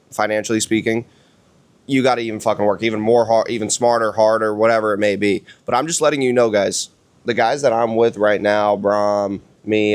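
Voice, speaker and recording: A man's voice: lowish voice, clear, resonant tone. A hungover man talking casually and motivationally on a podcast, blunt and slangy, swearing often and repeating phrases for emphasis. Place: outdoors on a villa balcony.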